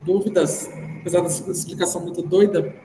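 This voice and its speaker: A man's voice: high voice, steady tone, brisk, warm tone. A man with a Brazilian Portuguese accent, teaching an online class in an informal, thinking-aloud way, tagging his sentences with "né". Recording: roomy reverberant sound with faint background noise.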